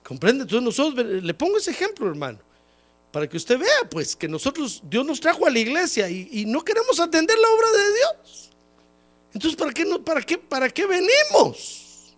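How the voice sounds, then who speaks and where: A man, a pastor, preaching a folksy sermon and calling his listeners "brother". He has a cold, and his voice jumps up high when he acts out quoted people. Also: wildly swooping pitch, normal speed, a bit bright. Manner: folksy, repeatedly calls listeners "hermano". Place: church service.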